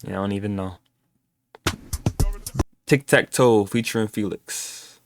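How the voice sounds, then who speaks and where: A man's voice: lowish voice, unhurried. A young man hosting a music reaction video, talking loosely and thinking aloud with lots of fillers. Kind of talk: casual album reaction commentary.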